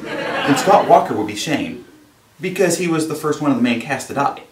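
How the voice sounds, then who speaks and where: A man's voice: a little high, lively intonation, moderate pace, noisy background. A man hosting a satirical comedy news show, delivering wry, sarcastic commentary. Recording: roomy, distant mic with music and audience laughter.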